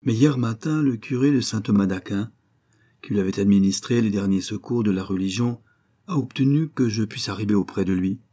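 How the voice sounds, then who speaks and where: A man reading the part of a grieving, anguished noble mother in an audiobook, with a husky voice and a solemn way of telling. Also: on the low side, fairly quick, warm tone, lightly acted. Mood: sorrowful.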